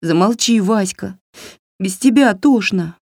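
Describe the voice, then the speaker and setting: A woman's voice: medium pitch, takes it slowly, darkish tone, no room sound, studio quality, pitched above the performer's own voice. A woman voicing a frightened but stubborn young girl in a storybook reading, with a pleading, anxious manner.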